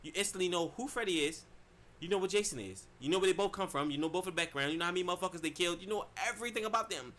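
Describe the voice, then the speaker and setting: A man giving a casual, animated movie review, swearing freely and talking straight to his viewers. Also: sits high, rapid-fire. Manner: animated, swears a lot, addresses viewers as y'all.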